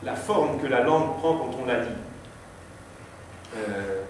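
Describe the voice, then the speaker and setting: A man's voice: mid-range voice, lively intonation, takes it slowly. Man, lecture-performance, hesitant, restarts a lot, roomy hall echo, faint background hiss. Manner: hesitant, many fillers and restarts. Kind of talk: lecture-performance with sound poetry readings. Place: exhibition hall at a foundation. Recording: very echoey hall, distant mic.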